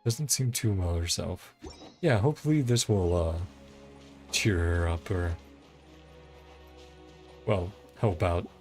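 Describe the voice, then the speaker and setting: Over game music, this streamer keeps up chatty, rambling livestream commentary on his gameplay, frequently chuckling. His low voice has a darkish tone, and he speaks slowly with frequent pauses.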